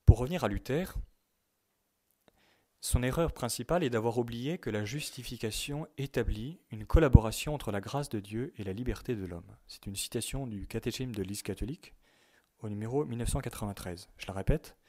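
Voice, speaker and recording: A man giving a religious teaching to young people, speaking in a measured way and stressing key words, sometimes reading quotations aloud. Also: mid-range voice, dark tone. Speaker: teacher at a youth retreat.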